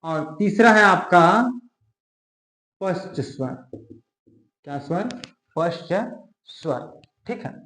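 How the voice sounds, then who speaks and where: A man's voice: on the high side, lively intonation, fairly bright tone. A man teaching an exam-prep grammar lesson, stretching key terms out word by word and checking in with the class constantly. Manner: drawls key terms slowly word by word, adds frequent check-ins. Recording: echoey room.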